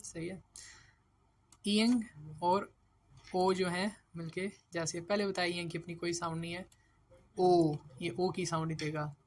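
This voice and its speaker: A man teaching a beginner language lesson. He is patient, checks in with the listener often and sounds out each syllable loudly and clearly. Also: high voice, flat delivery, moderate pace, long pauses, a little hiss or hum.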